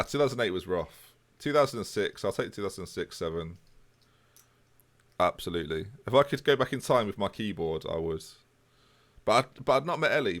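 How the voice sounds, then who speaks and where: A man, chatting casually with viewers on a live stream. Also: low voice. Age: 20s. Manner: chatty, jokey, answers chat.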